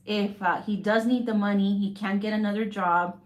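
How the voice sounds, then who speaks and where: A woman's voice: medium pitch, steady tone, normal speed, highs cut off. A woman who works as a real estate agent, talking in a casual, rambling way on a live stream and often checking in with "okay?". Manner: rambling, keeps adding "okay?". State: coughing.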